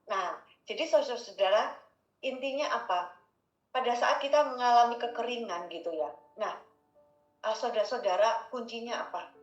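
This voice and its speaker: A woman's voice: on the high side, moderate pace, pauses often. A woman giving a casual devotional talk, chatty and repetitive, often addressing listeners as brothers and sisters. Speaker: devotional speaker. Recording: roomy, dull lo-fi recording with faint music.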